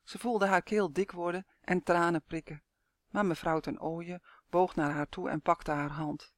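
A man narrates a storybook in a steady, gentle reading voice. His voice sits a little high for a man, and the recording is close and dry. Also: unhurried, dry recording.

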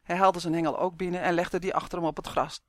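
Brief: calm storybook narrator, mid pitch, even and measured, dry close recording. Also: dry recording. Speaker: audiobook narrator. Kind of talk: scripted audiobook narration.

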